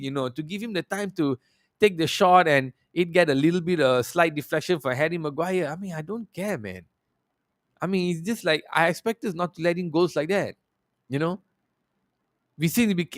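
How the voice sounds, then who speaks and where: A man speaks in a slightly high voice, recorded dry with little room sound. He talks like a football fan reacting to a match, casual and conversational, with animated, emphatic storytelling. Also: no room sound.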